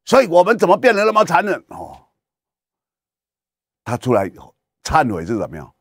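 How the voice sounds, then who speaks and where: A man's voice: on the low side, husky, no echo, clean studio sound. A male radio talk show host, giving emphatic political commentary full of rhetorical questions. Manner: animated and emphatic, rhetorical questions, acts out quoted voices. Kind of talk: opinionated political commentary monologue. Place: radio studio.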